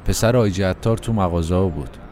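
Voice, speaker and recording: A man's voice: deep voice, warm tone, a little hiss or hum, natural voice. A man voicing a frail elderly male former shopkeeper with a weak, thin voice, telling an old tale. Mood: gentle. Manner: folksy, storytelling.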